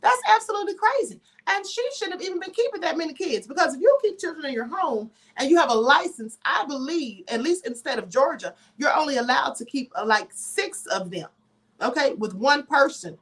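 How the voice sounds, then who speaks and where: Chatty woman host, higher-pitched, emphatic live commentary with asides. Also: lively intonation, brisk, fairly bright tone. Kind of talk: live commentary and reading news aloud.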